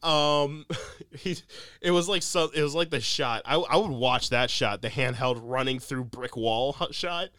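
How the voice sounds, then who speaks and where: A man's voice: medium pitch, a little slow, a bit bright, smooth, no room sound, studio quality. A man co-hosting a podcast, rambling casually about a film with lots of fillers and laughs. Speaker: podcast co-host. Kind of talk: casual movie chat.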